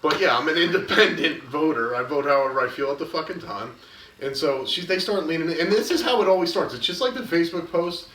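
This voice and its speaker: A man's voice: fairly high pitch, animated, quick pace, sharp tone. A man in his thirties with a cold, telling a long, profane story in casual chat. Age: 30s. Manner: rambling, profane storytelling with laughs. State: has a cold. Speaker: co-host. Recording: echoey room, mic at a distance.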